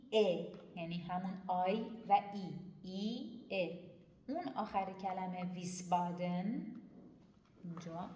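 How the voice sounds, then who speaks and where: A woman teaching a pronunciation lesson who explains each rule, then slowly sounds out example words, with quick asides about running short on time. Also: mid-range voice, dark tone, a little hiss or hum. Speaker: German language teacher. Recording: roomy echo.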